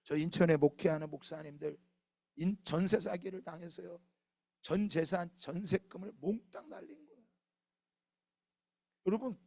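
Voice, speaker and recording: A man's voice: high voice, vocal fry, a little mellow, no echo. A male pastor preaching a sermon with impassioned pleas to God. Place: church sanctuary.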